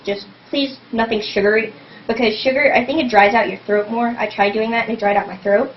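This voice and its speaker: Rambling girl with a slightly high voice. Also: fairly even intonation, brisk. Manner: rambling, fills every phrase with "like". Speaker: vlogger teaching scream technique. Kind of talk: casual home tutorial. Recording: dull lo-fi webcam audio, faint hum.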